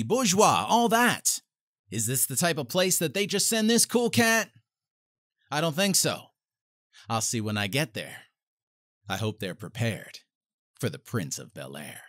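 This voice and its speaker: A man's voice: sits high, fairly bright tone, no echo. A man in his thirties or forties giving a hammy, theatrical dramatic reading, recorded close on a studio microphone in a small home studio. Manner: theatrical, with big swings and drawn-out phrases. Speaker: voice-over performer. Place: small home studio with foam-treated walls.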